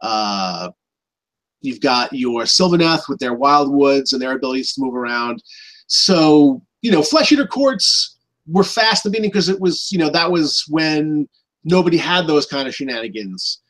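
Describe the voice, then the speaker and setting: A man's voice: on the high side, expressive, moderate pace, a bit bright, poor audio. Chatty male gaming show guest. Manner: conversational, frequent "you know". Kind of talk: casual hobby gaming discussion.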